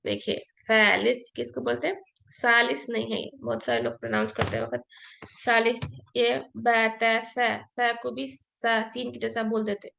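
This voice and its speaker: A woman's voice: on the high side, creaky, fairly bright tone. A woman teaching an Arabic grammar class, explaining patiently step by step and mixing in English words. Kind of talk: online class lesson.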